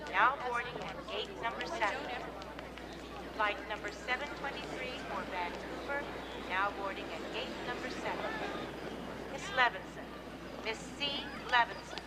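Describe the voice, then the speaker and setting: An actress voicing a calm female airport gate announcer, heard over the public-address intercom in a formal, measured way. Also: on the high side. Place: airport terminal. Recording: distant, noisy airport loudspeaker.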